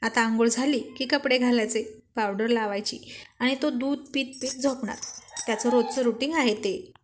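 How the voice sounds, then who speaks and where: A woman voicing a shy young mother who laughs and gently scolds her husband in a storybook reading. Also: on the high side, normal speed, background noise, natural voice. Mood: playful.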